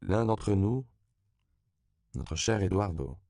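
A gentle, hesitant older monk in a storybook speaks mildly and softly, as a narrator puts him on. The voice is smooth and slightly raised. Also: male voice, lowish voice, lively intonation, slow, dry recording, clean studio sound, pitched above the performer's own voice, heavily acted.

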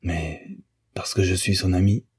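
A man's voice: sits low, normal speed, husky. A man voicing a timid, hesitant young man in a storybook. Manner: hesitant, soft-spoken.

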